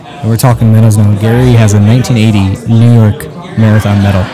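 A man's voice: fairly low pitch, flat delivery, fast, music in the background. Chatty male podcast host at a banquet. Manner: upbeat, chatty, lots of fillers. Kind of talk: casual chat. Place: banquet hall at a running club dinner.

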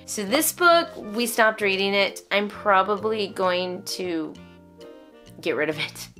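A woman in her thirties or forties, both a vlogger and a homeschooling mother, speaks to camera from a small, furnished room in her home, reviewing things and breaking off mid-thought. She's animated and conversational, with a medium-pitched voice that takes it slowly over soft background music.

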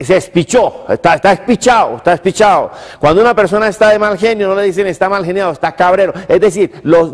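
A Colombian man in his fifties giving an emphatic motivational business lecture to camera, teaching through rhetorical questions and repeated phrases. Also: a little high. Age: 50s. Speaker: motivational speaker and TV presenter. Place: living-room style TV studio set, indoors. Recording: reverberant echoey room.

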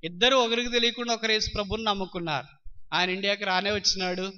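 A man preaching a sermon, telling a story and acting out its dialogue in animated voices. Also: high-pitched, quick pace, clear, resonant tone. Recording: dull lo-fi sound.

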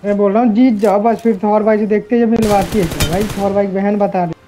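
A man's voice: high voice, fairly even intonation, fast talker, warm tone, slight background noise. Laid-back young man joking over game chat. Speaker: gamer friend. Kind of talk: casual gaming banter.

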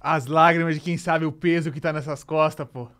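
A man's voice: on the high side, fairly even intonation, brisk, music in the background. A young man with a Brazilian Portuguese accent, streaming a rambling, exclamatory reaction to a trailer. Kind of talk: casual reaction commentary.

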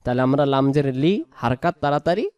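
A man with a Bangladeshi Bengali accent teaches recitation word by word, stretching each sound out slowly. His voice sits a bit high and sounds mellow and smooth. The recording is close and dry. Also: no room sound. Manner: explains, then chants words slowly and drawn out. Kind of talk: slow word-by-word pronunciation lesson.

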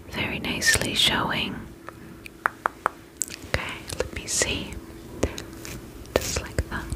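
A woman whispers softly and breathily throughout, very slow and gentle, with soothing little repetitions. The clip feels like an ASMR spa roleplay full of personal attention and quiet reassurance, though the recording is rough.

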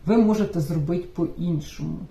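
Mellow-voiced woman chatting. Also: on the low side, fairly quick, vocal fry, roomy sound, far from the mic. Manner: relaxed and chatty, with frequent filler sounds and restarts. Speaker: vlogger. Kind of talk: casual personal vlog monologue.

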